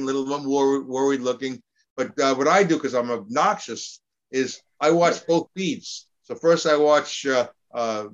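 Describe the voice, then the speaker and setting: A man chatting casually, rambling and halting as he tells a story. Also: mid-range voice, fairly bright tone, dull audio. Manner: rambling, halting with fillers and repeats. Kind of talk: casual chat.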